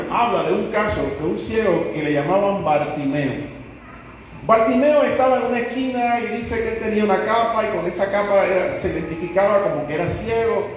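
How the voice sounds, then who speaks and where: Pastor, dramatic sermon storyteller, high voice, picked up from far off in a church. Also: male voice, slight background noise. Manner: dramatic storytelling, acting out the people in the stories. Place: church sanctuary. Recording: echoey church hall, voice from far off.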